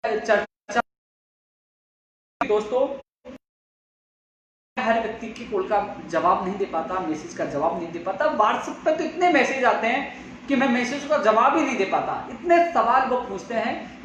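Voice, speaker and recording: A man's voice: sits high, fairly bright tone, highs cut off. A man hosting a live update stream, addressing his followers insistently. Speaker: host of a live update stream for job seekers. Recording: echoey room, far from mic, faint noise.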